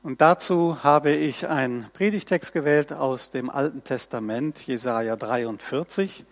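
A man preaching a sermon, reading scripture in a slow and measured way with emphatic rises. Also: medium pitch.

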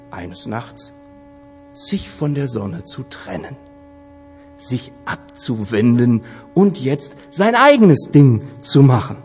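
A man narrates a fable at a slow, unhurried pace with dramatic pauses. His pitch rises and falls expressively. The voice rings with a long hall reverb over faint music and mains hum. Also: a little mellow. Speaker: storyteller.

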